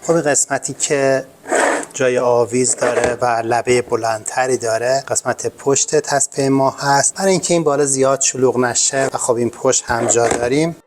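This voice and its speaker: Calm man explaining a repair step by step. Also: medium pitch, music in the background. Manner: calm, polite and methodical explaining. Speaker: host of a home repair channel.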